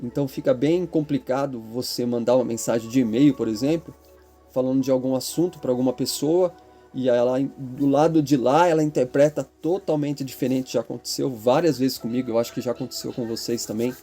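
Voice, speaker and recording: A middle-aged Brazilian man talking to his channel's listeners in a reflective, rambling monologue, often tagging his sentences with a questioning "né?" and pausing on filler sounds. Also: mid-range voice, fairly even intonation, dark tone, faint music behind. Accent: Brazilian Portuguese. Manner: rambling, keeps adding the tag "né?" and filler "é". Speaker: channel host.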